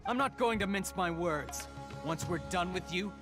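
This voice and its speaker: A man playing a quick-tempered, thuggish gang henchman in a video game, blunt and mocking. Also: sits high, music in the background, natural voice. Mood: mocking, threatening.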